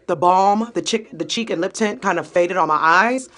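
A lowish, slightly bright voice at normal speed belongs to a young beauty vlogger chatting in upbeat slang. She films casually on a close-held phone, moving from a small room at home out to a city street and then a gym.

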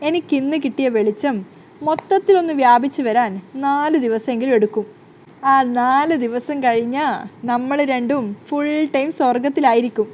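A woman's voice: high voice, moderate pace, a little mellow, a little hiss or hum, close to an everyday voice. A woman voicing a gleeful young wife who teases her husband in a playful, mocking way.

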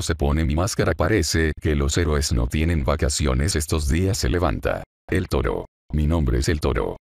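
A man reading a fan fiction script aloud, speaking every character's name and stage directions in a flat, even delivery. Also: no room sound, studio quality. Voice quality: very low, gravelly voice. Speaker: fanfic reader voicing all parts.

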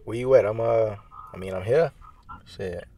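A man's voice: lowish voice, moderate pace, mellow. A young man vlogging on a handheld phone camera, with laid-back, slangy banter. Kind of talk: casual vlog chat. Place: out and about in a city, then a casino.

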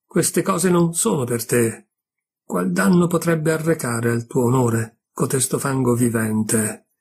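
A man's voice: medium pitch, slow, gravelly, breathy edge, heavily acted. A man reading aloud as a cheerful young male god in a storybook tale. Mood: gentle. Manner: laughing, tender reading voice.

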